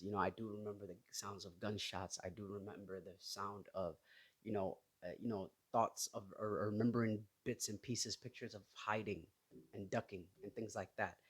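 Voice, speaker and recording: Hesitant Somali-born man hosting a podcast. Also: fairly low pitch. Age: 30s. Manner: hesitant, halting, with many restarts and fillers. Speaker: podcast host. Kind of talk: casual solo podcast talk.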